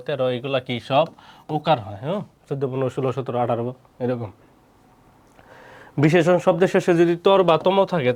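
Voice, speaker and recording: A man's voice: a little high, darkish tone. Man drilling a grammar lesson. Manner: repeats each example word slowly, asks the class questions. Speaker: teacher. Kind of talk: exam-prep grammar lesson.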